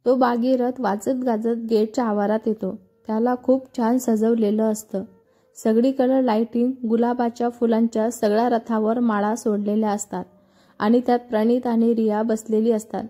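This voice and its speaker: A woman narrating a serialized love story in a steady, scripted reading. Her voice sits fairly high but sounds dark and mellow. She keeps the pitch flat, with little rise and fall. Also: moderate pace.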